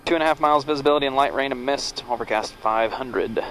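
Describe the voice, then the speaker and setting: A man talks casually over a pilot headset as he narrates cockpit checks and procedures. His voice sits at a middle pitch, with faint aircraft noise behind it. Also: quick pace, fairly bright tone, low-quality recording. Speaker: pilot and vlog host. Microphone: aviation headset. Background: aircraft cabin noise.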